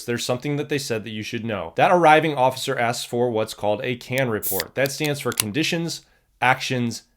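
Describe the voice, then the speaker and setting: An American man hosts an instructional video in a mid-pitched voice. He gives explanatory commentary in the manner of a working instructor. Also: a little hiss or hum. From United States. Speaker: host, firefighting instructor.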